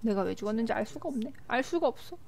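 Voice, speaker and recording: Young female game streamer, high voice, excitable live commentary with repeated quick outbursts. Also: vocal fry. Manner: excitable, repeats words in bursts, frequent laughter.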